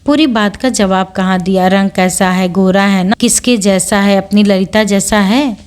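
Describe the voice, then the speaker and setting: A woman reading the part of a kind, affectionate middle-aged mother who questions her son warmly and teasingly. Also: medium pitch, steady tone, normal speed, clean tone, lightly acted. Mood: eager.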